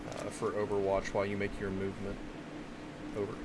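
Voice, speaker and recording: A man with a low, flat voice gives clipped commands in military radio procedure. He leads a simulation game squad, and the recording is very noisy, with clicks and vehicle rumble. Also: fairly quick.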